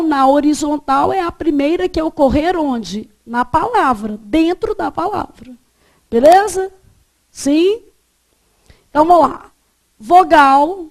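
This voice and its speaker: A Brazilian woman teaching grammar to a classroom, her voice sitting high. She keeps quizzing the students, stopping often to check that they follow before moving on. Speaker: Portuguese teacher.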